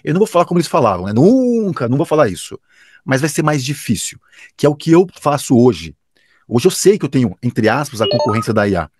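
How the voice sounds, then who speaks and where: A man's voice: medium pitch, sing-song, quick pace, a little mellow, breathy edge, no echo. A man with a Brazilian accent, a professional announcer, answering interview questions with enthusiasm and emphasis, often restarting his sentences. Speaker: professional announcer and radio director.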